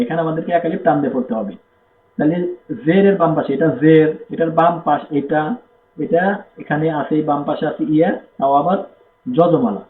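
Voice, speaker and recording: A man with a Bangladeshi Bengali accent teaching Quran reading, explaining rules and then drilling letters and syllables slowly. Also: fairly high pitch. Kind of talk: step-by-step recitation lesson. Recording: echoey, tinny phone-like sound with faint noise.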